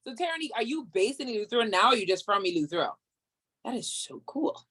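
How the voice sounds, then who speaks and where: A woman's voice: on the high side, big pitch swings, fast, fairly bright tone. A woman from Grand Bahama with a Bahamian accent, hosting an online event, upbeat and chatty as she calls out to attendees over a video call. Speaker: host, council chairman.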